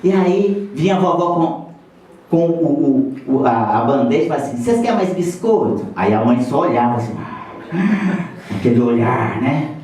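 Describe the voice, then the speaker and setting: A man's voice: medium pitch, normal speed, a little mellow, a little hiss or hum. A middle-aged Brazilian man giving a lecture, telling folksy stories and asking the audience for agreement. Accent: Brazilian Portuguese. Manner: folksy storyteller, asks the audience "né?" and "não é assim?". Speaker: speaker at a spiritist center lecture. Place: lecture hall. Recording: echoey hall, distant mic.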